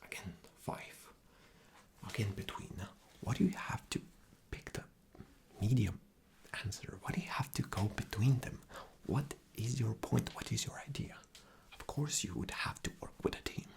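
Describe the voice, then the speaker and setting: Playing an arrogant, rude boss for an ASMR interview scenario, a man keeps his low voice mostly to a gravelly, creaky whisper at a moderate pace. The character is demanding and sarcastic, with an impatient, scornful mood.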